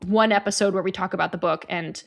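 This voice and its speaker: A woman co-hosting a podcast in casual chat, playful and quick to laugh. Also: fairly low pitch, fairly even intonation, vocal fry. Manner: playful, giggly, bubbly. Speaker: podcast co-host.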